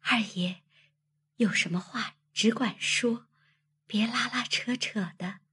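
A woman voicing a shy, flustered young maidservant who speaks softly and timidly. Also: medium pitch, takes it slowly, slightly rough. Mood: hushed shy. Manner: soft, hushed and timid.

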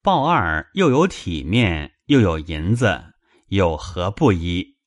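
A man reads a classic novel aloud with a low, deep voice and a slow, unhurried pace. His pitch moves expressively across the lines, recorded dry and close. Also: sing-song, no room sound. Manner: measured storytelling, also voicing male characters. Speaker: narrator. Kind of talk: dramatized novel reading.

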